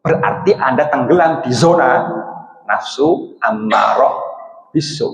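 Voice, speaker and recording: A man with a Javanese accent giving a lively sermon to an audience, often calling out to the men listening. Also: medium pitch, measured pace, gravelly. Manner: lively, animated, often addresses listeners as Pak. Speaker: religious teacher. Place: hospital hall. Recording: echoey hall reverb.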